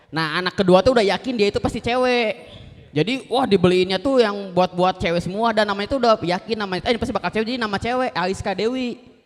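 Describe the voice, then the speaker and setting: A man's voice: high-pitched, quick pace. A man from West Java with a Sundanese accent and a lisp that blurs his r, telling jokey, self-deprecating stories in a casual interview. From West Java, Indonesia. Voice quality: lisp, cannot pronounce r clearly. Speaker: stand-up comedian guest. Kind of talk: casual comedic interview chat. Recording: long hall-like reverb.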